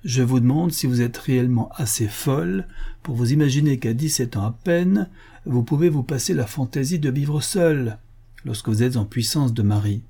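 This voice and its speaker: A man's voice: mid-range voice, steady tone, normal speed, mellow, breathy edge, close to an everyday voice. A man reading the part of a domineering, sardonic aristocratic husband with a threatening tone. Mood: menacing. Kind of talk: audiobook character reading.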